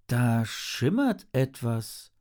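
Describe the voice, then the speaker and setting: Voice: mid-range voice, big pitch swings, moderate pace, husky. A storyteller voicing a worried, curious young schoolboy who talks plainly and asks questions.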